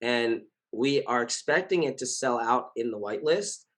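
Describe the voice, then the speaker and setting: Hoarse man giving a rambling update. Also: mid-range voice, lively intonation, moderate pace, fairly bright tone. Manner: rambling, full of fillers and self-corrections; earnest and reassuring. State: hoarse, losing his voice. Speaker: project founder addressing his community. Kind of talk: casual spoken update to followers.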